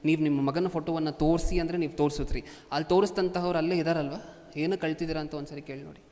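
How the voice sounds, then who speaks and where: A man's voice: on the high side, steady tone, racing, mellow. Man preaching in a reverberant hall. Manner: asks constant rhetorical questions of the audience. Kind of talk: sermon. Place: large hall before a congregation.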